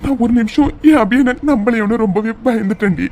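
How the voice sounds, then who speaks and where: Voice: mid-range voice, brisk, darkish tone, natural voice. Someone voicing a tearful pleading young husband. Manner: pleading, tearful, repeats himself. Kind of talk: cartoon serial dialogue.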